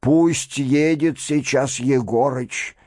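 A man reading an audiobook and voicing an imperious, domineering noblewoman who shouts commands and reproaches. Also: on the low side, big pitch swings, extremely slow, no room sound, clean studio sound, heavily acted. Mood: commanding. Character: imperious furious noblewoman, middle-aged, domineering.

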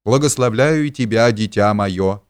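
A man's voice: lowish voice, normal speed, clean tone, no room sound, clean studio sound, lightly acted. A man voicing a pompous, hypocritical middle-aged man who preaches and shrieks in indignation. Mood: sermonizing.

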